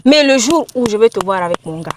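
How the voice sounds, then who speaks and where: A woman's voice: fairly high pitch, animated, fast, a little hiss or hum, close to an everyday voice. A woman playing a jealous, threatening village woman. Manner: threatening, confrontational. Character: jealous village woman, fiercely protective of her man. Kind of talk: comedy film acting.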